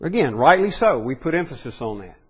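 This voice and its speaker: Male preacher, slightly high voice, earnest, halting restarts, muffled lo-fi recording. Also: big pitch swings, husky. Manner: earnest, many restarts and ums, rises when stressing a point. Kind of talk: sermon.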